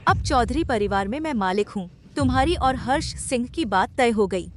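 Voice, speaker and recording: An actress playing a haughty, scheming mistress of the house who sneers and gives orders, in dubbed drama acting. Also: female voice, fairly high pitch, lively intonation, moderate pace, slight background noise, natural voice. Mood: sneering. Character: haughty, scheming stepmother, middle-aged woman.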